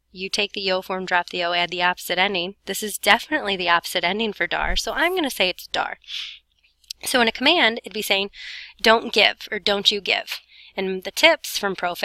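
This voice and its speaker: Female teacher for a recorded lesson: bright, dry sound, informal and self-correcting, audibly short of breath with heavy breathing. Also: medium pitch, no room sound, low-quality recording. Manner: breathing heavily while talking; informal, talks students through each step, self-correcting. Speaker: Spanish teacher recording an explanation for students. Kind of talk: step-by-step grammar lesson narration.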